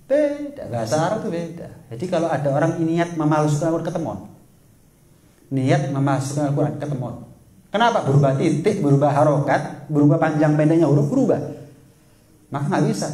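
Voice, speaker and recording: A man giving a sermon, lively and teasing, often asking the audience questions. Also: on the high side, echoey room. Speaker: preacher.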